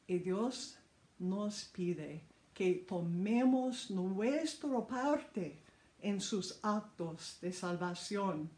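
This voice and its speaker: A preacher reading a sermon aloud, slow and deliberate, with occasional stumbles and restarts. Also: mid-range voice, a little mellow. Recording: roomy echo.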